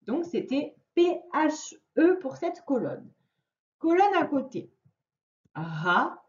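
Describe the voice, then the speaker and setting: A woman teacher giving a slow, clearly spoken lesson to children, stretching out each word. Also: sits high, big pitch swings, a little mellow. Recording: echoey room, dull lo-fi sound.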